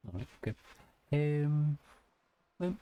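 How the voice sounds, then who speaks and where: A man's voice: fairly high pitch, lively intonation, takes it slowly, mellow, slight background noise. A man playing a video game, playful and jokey as he reads dialogue choices and comments. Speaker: let's play host. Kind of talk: gaming commentary, reading choices.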